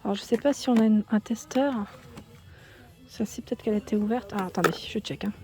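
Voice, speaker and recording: A woman's voice: mid-range voice, brisk, over music. A woman with a French accent walks through a shop filming a vlog, reading out prices and chatting as she looks at products. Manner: chatty, reads prices aloud, thinks out loud. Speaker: shopping haul vlogger. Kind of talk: casual store walkthrough vlog. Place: indoors in a shop under ceiling spotlights.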